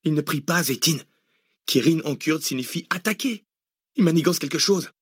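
A man voicing a hesitant young male militiaman who explains with pauses, in a dry audiobook reading. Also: a little high, lively intonation, husky, no room sound, voice pushed up. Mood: urgent.

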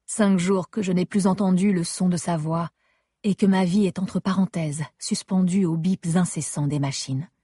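A woman's voice: lowish voice, steady tone, normal speed, mellow, slightly rough, dry recording, clean studio sound. A woman reading a first-person story aloud in a restrained, intimate manner. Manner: intimate, restrained, rising to distressed pleading in dialogue. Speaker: narrator. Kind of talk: first-person audiobook narration.

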